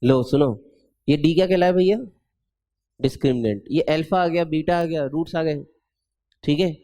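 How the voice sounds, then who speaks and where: A man teaching math in a chatty, playful classroom lecture, quizzing students with rhetorical questions and stretching out formulas slowly. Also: a little high, mellow, no room sound.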